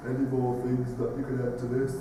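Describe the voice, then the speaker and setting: A man's voice: mid-range voice, completely flat delivery, fast, dark tone, slight background noise. A man volunteering for a voice exercise on stage, hesitant and self-mocking. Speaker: audience volunteer. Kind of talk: improvised voice exercise. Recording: echoey hall from far off.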